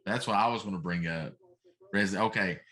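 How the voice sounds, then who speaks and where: A middle-aged man with a low, bright, forceful voice speaks a little fast as co-host of a casual talk show about pop culture. He gives emphatic, grumbling opinions and repeats himself for effect.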